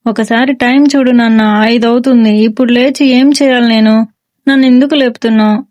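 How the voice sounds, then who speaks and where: A woman's voice: a little high, fairly even intonation, a little fast, a little mellow, no echo, close to an everyday voice. A woman voicing a lazy, sleepy young man who whines and complains to his father, in a storybook reading. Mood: whiny.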